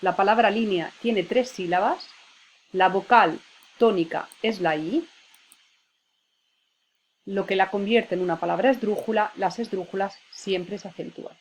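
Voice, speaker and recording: Patient, slightly husky woman teacher. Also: mid-range voice, measured pace, long pauses. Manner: patient, methodical, spells out syllables. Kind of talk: spelling lesson.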